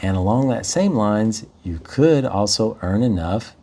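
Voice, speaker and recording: A man's voice: lowish voice, animated, unhurried, vocal fry, warm tone. A man who hosts short-term rentals, explaining tips in an easygoing, casual advice chat.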